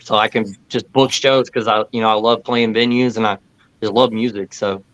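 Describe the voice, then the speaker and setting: A man's voice: fairly low pitch, steady tone, normal speed, a bit bright, low-quality recording. A man with a Florida accent in a casual, slangy chat, talking as a musician in a band. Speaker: band vocalist and guitarist.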